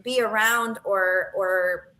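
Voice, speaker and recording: A woman's voice: medium pitch, steady tone, slow, sharp tone, poor audio. A woman in her late forties speaking earnestly on a podcast, often checking in with "right?". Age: 40s. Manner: earnest, keeps asking "right?". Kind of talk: casual podcast conversation.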